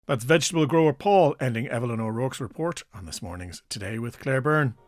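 A man's voice: medium pitch, expressive, fairly quick. A man presenting scripted links as a radio host.

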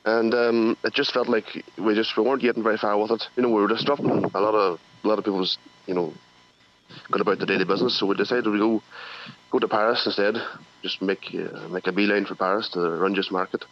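A man with a Donegal Irish accent talking casually and haltingly, often repeating words, as an interview guest. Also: fairly low pitch, fairly even intonation. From County Donegal, Ireland. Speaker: radio phone-in guest, farmer. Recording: dull telephone line.

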